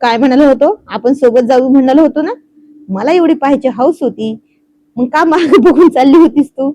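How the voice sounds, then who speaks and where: A woman's voice: high-pitched, normal speed, dark tone, muffled recording, voice pushed up, natural voice. A woman voicing a playful, teasing young husband who coaxes his wife in a romantic story. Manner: teasing, coaxing.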